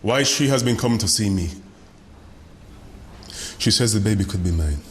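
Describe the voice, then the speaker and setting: An actor playing a man who answers accusations with cold, measured replies. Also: on the low side, animated, slight background noise, natural voice. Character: cool, guarded man under accusation. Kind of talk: TV drama acting.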